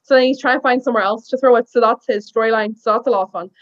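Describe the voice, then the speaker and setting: A woman's voice: fairly high pitch, fairly even intonation, rapid-fire, dull audio. A woman, chatting casually as a guest reviewer. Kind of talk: casual chat.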